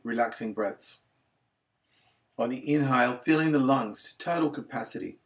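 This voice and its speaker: This man guides a yoga nidra session in a mid-range voice. His guided-meditation delivery is gentle, soothing, and never rushed.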